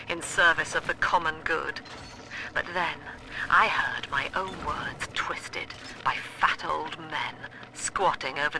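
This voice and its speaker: Sofia Lamb, slow, cold British cult leader. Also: female voice, sits low, background noise. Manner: measured, formal, preaching, clinical. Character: cold, lofty middle-aged female cult leader and psychiatrist. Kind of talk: scripted video game villain monologue.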